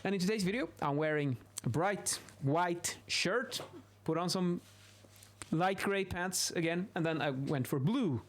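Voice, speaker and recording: This acoustics instructor and video host has a higher-pitched voice, a Swedish accent and a slightly slow pace. He gives an informal explanation while sketching, recorded on a close boom-arm studio mic in a small indoor home office.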